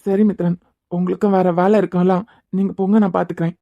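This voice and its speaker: A woman's voice: on the low side, flat delivery, fast, gravelly, no echo, dull audio. A woman voicing a worried, self-blaming young engineer in a cartoon series, with a Kanyakumari Tamil accent. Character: guilt-ridden worried young man, engineer.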